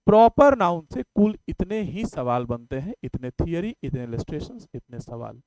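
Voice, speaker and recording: Lively jokey man teaching grammar. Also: fairly high pitch, normal speed, dry recording. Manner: chatty, jokey, asks the class questions and answers them himself. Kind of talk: exam-prep lecture.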